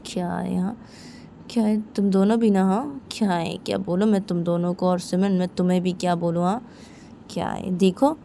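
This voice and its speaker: Lecturing mother, scolding, gravelly voice, played by a woman. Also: medium pitch, mellow, a little hiss or hum, lightly acted. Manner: scolding, advising. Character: mother, lecturing two young women.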